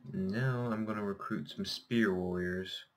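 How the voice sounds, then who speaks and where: A man with a deep voice that sounds a little scratchy, as from a sore throat after yelling. He gives casual gameplay commentary, thinking out loud in a halting way and often correcting himself as he goes. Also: steady tone. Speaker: gameplay host.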